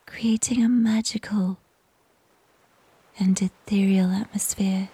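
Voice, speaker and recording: A woman narrating a guided nature relaxation story in a soft, breathy whisper, unhurried and soothing, with long pauses between short phrases. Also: mid-range voice, fairly even intonation, low-quality recording.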